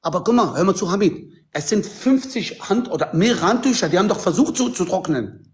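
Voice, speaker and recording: A man's voice: high-pitched, expressive, a little fast. A man arguing heatedly and insistently on a group video call, talking over the others. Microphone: video call on phone or computer.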